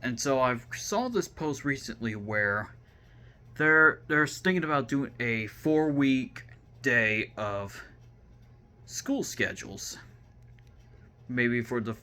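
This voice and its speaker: A man's voice: medium pitch, lively intonation, takes it slowly, bright, forceful tone. A young man with a Southern US accent hosting his own video series, talking casually to camera and often stopping to repeat and restart his words. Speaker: vlog host.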